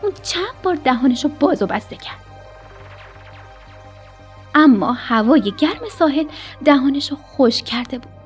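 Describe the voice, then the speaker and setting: With a high, lively voice and frequent pauses, a woman reads a children's story expressively, dropping to a whisper at tense moments. Soft music plays behind her.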